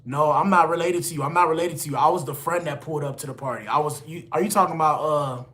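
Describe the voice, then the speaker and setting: Talking fast in a fairly high, fairly bright voice, a late-twenties man runs a laid-back live stream. He reads chat names and answers his viewers in easygoing slang.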